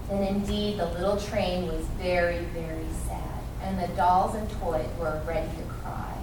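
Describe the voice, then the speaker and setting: A woman reading a children's storybook aloud expressively, with animated, deliberate emphasis. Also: fairly low pitch. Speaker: library storytime reader. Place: indoor library storytime event. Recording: very echoey room, distant mic, noisy.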